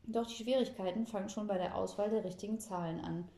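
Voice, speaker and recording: A woman reads a children's story aloud in a gentle, even storyteller manner. Her voice is mellow and dark, and a roomy echo clings to it. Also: mid-range voice, quick pace.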